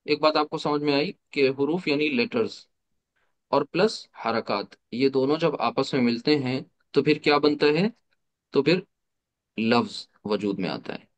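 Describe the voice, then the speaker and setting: A man's voice: medium pitch, unhurried. A man teaching an online class, explaining step by step, asking rhetorical questions and mixing English terms into his explanations. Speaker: Arabic teacher.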